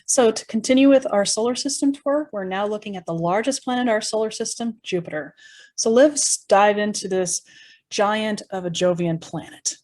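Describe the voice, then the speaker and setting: A woman's voice: mid-range voice, normal speed, darkish tone. A woman presenting an educational tour in a conversational, explanatory way, with informal asides and rhetorical questions.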